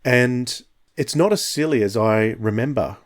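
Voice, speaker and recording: In a casual podcast discussion, a man in his fifties hosts with reflective enthusiasm, often restarting his sentences. He speaks unhurriedly in a mid-range voice.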